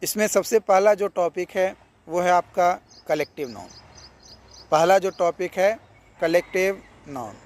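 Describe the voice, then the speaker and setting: A male coaching teacher speaks in a fairly high voice, talking students through exam preparation. He is casual and encouraging and keeps repeating each point. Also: a little slow. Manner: repeats key points, coaxing "yaar" and "theek hai". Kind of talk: casual exam advice lesson.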